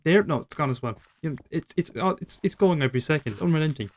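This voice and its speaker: A nineteen-year-old man rambling reflectively over gameplay, self-deprecating and swearing casually, his voice trailing off quietly. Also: fairly high pitch, animated, quick pace. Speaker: gaming YouTuber.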